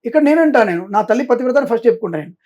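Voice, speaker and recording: Rapid, high-voiced, insistent man. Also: animated, a little mellow. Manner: emphatic, insistent, repeats "I" for stress, mixes in English. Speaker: Vedic astrologer guest. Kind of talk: interview answers.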